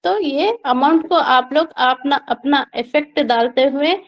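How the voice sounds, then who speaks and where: Female online tutor with a high-pitched voice, walking students through concepts and often checking in. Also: unhurried, highs cut off. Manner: explains step by step with frequent check-in questions to viewers. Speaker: teacher. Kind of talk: online exam-prep lecture.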